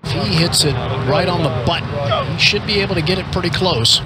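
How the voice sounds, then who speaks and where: A man's voice: on the high side, fairly quick, very noisy, natural voice. A man playing a golf commentator who judges shots and putts for a video game broadcast. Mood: measured.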